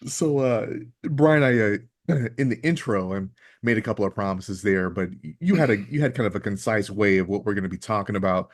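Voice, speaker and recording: A man's voice: on the low side, animated, brisk. A man hosting a podcast in casual chat, hesitant and often repeating words. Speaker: podcast host.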